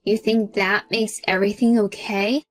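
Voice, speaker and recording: A woman telling a dramatized first-person story, speaking in a calm, firm and cool manner. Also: mid-range voice, moderate pace, dry recording. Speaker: narrator and homeowner in the story.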